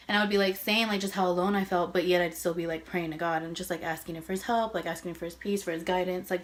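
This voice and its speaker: Breathless chatty young woman vlogging. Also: on the low side. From Texas, USA. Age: 20s. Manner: casual, rambling, many fillers. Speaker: beauty vlogger. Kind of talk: get-ready-with-me vlog chat. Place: her old bedroom at home.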